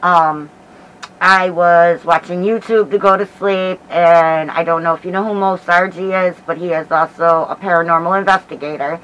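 A middle-aged American woman giving a casual vlog update in a hesitant, halting way while feeling sick with a headache. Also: lowish voice, fairly even intonation, a bit bright, muffled recording. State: unwell with headache and nausea. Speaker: paranormal vlogger. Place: small dim bedroom, indoors. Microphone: camera mic at about arm's length, through a cloth face mask.

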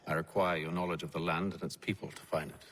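An actor playing a brisk, commanding expedition leader in a video game. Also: male voice, low voice, steady tone, a bit bright, slight background noise.

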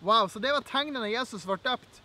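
A man's voice: very high voice, bright, forceful tone. A young man with a Norwegian accent giving an earnest, encouraging Bible teaching, reading scripture aloud. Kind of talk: devotional Bible teaching video.

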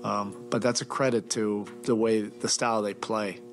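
A middle-aged man answers reporters after a game, his lowish voice picked up by a table mic in a press room. He talks in a measured, halting way, with many fillers and restarts, and a little music sits faintly behind him. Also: little pitch movement. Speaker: head coach. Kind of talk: postgame press conference.

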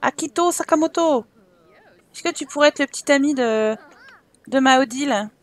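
High-pitched woman playing Sims. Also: moderate pace, dry recording. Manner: exasperated, swears at the game, talks to her Sims. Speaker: Sims let's play streamer. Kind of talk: casual gameplay commentary.

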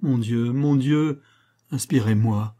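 A man's voice: mid-range voice, moderate pace, warm tone, husky, lightly acted. A man reading the part of a young queen who pleads and prays with fervor in an audiobook. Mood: anguished. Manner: pleading, fervent. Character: young queen, anguished and devout.

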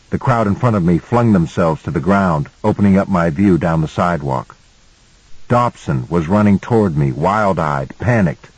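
A man narrating a novel in the first person as an audiobook, in a measured storytelling manner. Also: deep voice, darkish tone, slightly rough, dry recording, rough recording.

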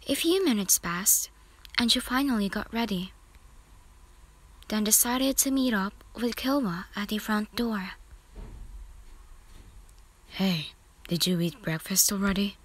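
Slow-whispering woman narrator. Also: mid-range voice, a bit bright. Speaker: fanfic reader. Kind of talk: whispered role-play.

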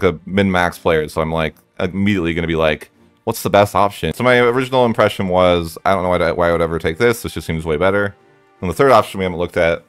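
A man with a deep, smooth voice talks casually over a strategy game, thinking aloud and rambling. The sound is dry and close. Faint music plays underneath. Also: no echo. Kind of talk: casual gameplay commentary.

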